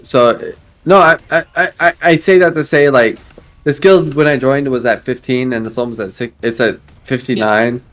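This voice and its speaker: A man's voice: medium pitch, moderate pace, a bit bright. A man in his late twenties talking in casual voice chat, rambling with many fillers and restarts. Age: 20s. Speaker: guild leader.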